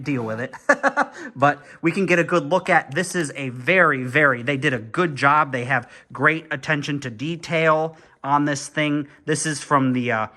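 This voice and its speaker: A man's voice: mid-range voice, pushed and bright. A man giving a casual hands-on toy review indoors at home. He talks in a chatty, rambling way and thinks aloud while he works with his hands.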